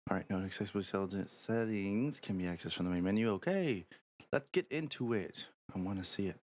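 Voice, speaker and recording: A man's voice: lowish voice, expressive, moderate pace. A man casually commentating a live game stream, rambling and thinking aloud as he talks to his viewers.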